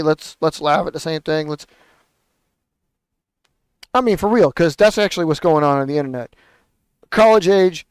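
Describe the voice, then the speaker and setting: Clear-voiced ranting man. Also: fairly high pitch, darkish tone, no room sound. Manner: rambling, profane, exasperated ranting. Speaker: podcast host building paper planes. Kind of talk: casual ranting chat.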